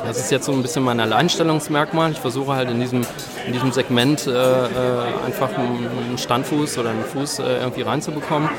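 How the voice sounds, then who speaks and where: Over the noise of a loud crowd, this beer shop owner from Eupen, Belgium, talks fast in a steady, mid-range voice. As an interview guest he stumbles along, restarting often and leaning on fillers.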